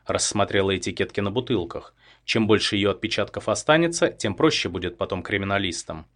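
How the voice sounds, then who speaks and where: A man narrating a thriller audiobook in a steady, tense manner. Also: lowish voice, a little fast.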